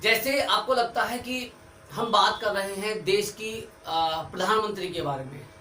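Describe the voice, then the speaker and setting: Male teacher, step-by-step online lesson, high-ish voice, roomy distant recording. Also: unhurried, pushed and bright. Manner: explains step by step, writing on a board as he talks. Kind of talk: online Hindi grammar lesson. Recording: echoey room, far from mic, faint background hiss.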